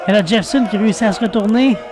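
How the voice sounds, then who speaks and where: A man with a Québécois French accent gives live wrestling play-by-play as a commentator, calling each move with excited exclamations. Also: high voice, fast talker, music in the background. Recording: noisy venue with loud crowd behind.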